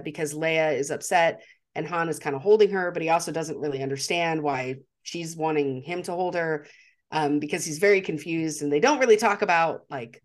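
A woman co-hosting a podcast, talking enthusiastically with lots of fillers and restarts. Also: on the low side. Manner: enthusiastic, rambling with many fillers. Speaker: podcast co-host. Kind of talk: casual chat.

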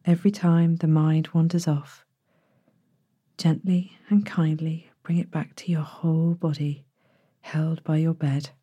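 A woman speaks as a sleep story narrator, leading a bedtime relaxation. Her voice is lowish and very mellow, with a soft, breathy edge that slips toward a whisper. She gives each instruction gently and without hurry. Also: no room sound. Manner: gentle, soothing, unhurried instructions. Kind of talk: guided bedtime body-scan meditation, sleep story narrator delivery.

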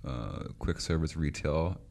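A man telling childhood stories in a casual chat, lively and laughing often, acting out quoted voices. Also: extremely low pitch, measured pace, creaky.

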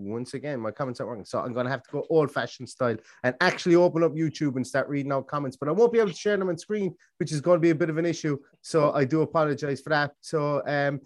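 A man's voice: fairly high pitch, no echo, studio quality. A man with an Irish accent casually hosting a live football fan show, chatty and rambling.

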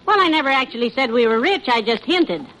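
Homey radio wife, bright and clear, patient but fussing. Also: female voice, high-pitched, expressive, fast, low-quality recording. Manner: patient, fussing and lightly scolding. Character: homey wife, sensible and fond. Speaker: radio comedy actress. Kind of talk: 1940s radio sitcom acting.

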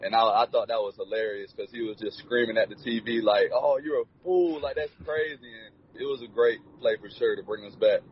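A man's voice: fairly low pitch, level tone, a little fast, few pauses, slight background noise. A young man in his twenties, a college football player, answering interview questions in a laid-back way, full of "you know" fillers. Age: 20s. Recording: dull lo-fi recording.

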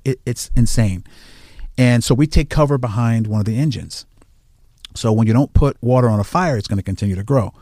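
A medium-pitched man, a firefighter appearing as a guest, recounts stories in casual conversation. He's lively and acts out the quoted dialogue. The recording is dry and of studio quality.

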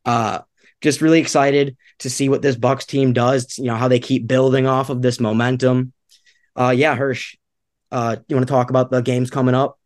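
A man's voice: mid-range voice, level tone, normal speed, dry recording. Upbeat man chatting on a dry mic. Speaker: podcast co-host. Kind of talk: casual sports podcast chat.

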